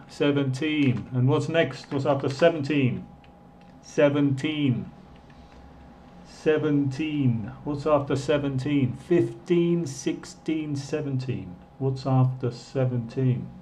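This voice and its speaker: A man's voice: mid-range voice, slow, few pauses, mellow, slight background noise. A man teaching an English lesson live online, reading chat questions and stretching out number words to show their pronunciation.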